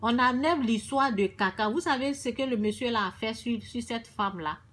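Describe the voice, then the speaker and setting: A woman's voice: fairly high pitch, moderate pace, a bit bright. A woman giving an emphatic, repetitive religious testimony to her viewers. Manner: emphatic and repetitive, often restarting phrases.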